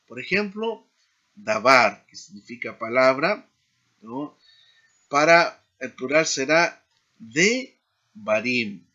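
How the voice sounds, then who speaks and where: A man teaching a seminary class in a slow explanatory lecture, often checking in with tag questions. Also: mid-range voice, bright, forceful tone. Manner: frequent tag questions, deliberate pacing.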